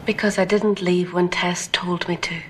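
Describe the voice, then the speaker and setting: A woman playing a naive, earnest angel in a TV drama, innocent and halting. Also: lowish voice, level tone, lightly acted. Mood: sincere. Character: naive, earnest female angel stuck in human form. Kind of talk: TV drama acting. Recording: faint background noise.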